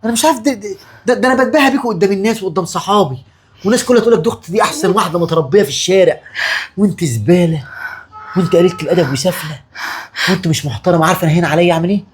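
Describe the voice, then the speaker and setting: A woman's voice: racing, a little hiss or hum, natural voice. A woman acting a hot-tempered older brother in a comedy sketch, with an Egyptian accent and a threatening, ranting way of talking. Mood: scolding. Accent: Egyptian Arabic. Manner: ranting, threatening, swings from shouts to low menace.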